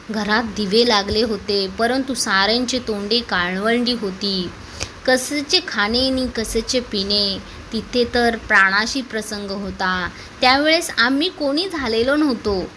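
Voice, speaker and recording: Woman storyteller, bright clear tone, slightly high voice, expressive literary reading. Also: a little hiss or hum, rough recording. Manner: measured, expressive narration.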